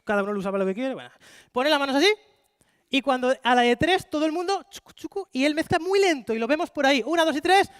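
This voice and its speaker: A Spanish man performing card magic at a rapid clip, his voice very high for a man. He coaxes volunteers with playful showman patter, and the sound is dry and close. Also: expressive, fairly bright tone, no echo. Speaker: stage magician. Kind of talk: live card-magic show with audience volunteers. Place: conference hall with live audience.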